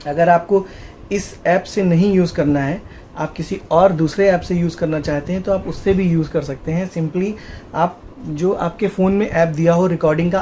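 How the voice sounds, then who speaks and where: A man casually walking viewers through a phone recording setup, pausing often on filler sounds and calling the audience his friends. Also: fairly high pitch, warm tone, slight background noise. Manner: hesitant, with frequent "uh" fillers, addresses viewers as friends. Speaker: tech tutorial host. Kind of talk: casual how-to demonstration.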